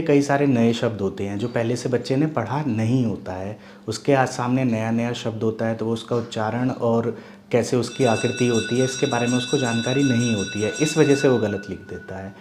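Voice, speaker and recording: A man's voice: medium pitch, normal speed, a little hiss or hum. Man explaining a lesson patiently. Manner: patient, steady teacherly explaining with rhetorical checks. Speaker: Hindi teacher.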